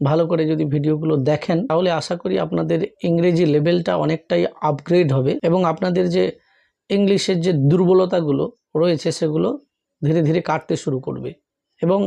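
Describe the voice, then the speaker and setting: A man with a Bengali accent teaching an English grammar lesson, spelling out syllables slowly letter by letter. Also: fairly high pitch, creaky, warm tone.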